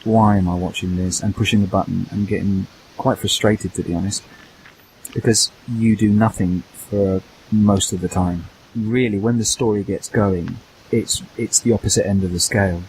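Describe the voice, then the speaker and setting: A man with a fairly low voice chats casually on a gaming podcast. He pauses and repeats words as he works out what he means. A light hiss runs underneath. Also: fairly even intonation, darkish tone, low-quality recording. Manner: hesitant, restarts and repeats words while thinking. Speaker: podcast co-host.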